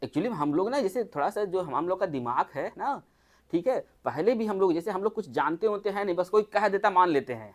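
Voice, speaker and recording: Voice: medium pitch, lively intonation, a little fast. A TB doctor gives an informal health talk to a small group, in a chatty way with many rhetorical questions. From Uttar Pradesh, India.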